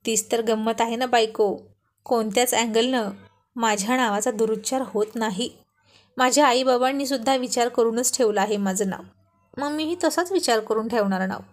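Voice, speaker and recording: Woman reading as a cheeky young husband, joking banter, storybook reading, fairly high voice. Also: moderate pace, natural voice. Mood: affectionate. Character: playful teasing young husband.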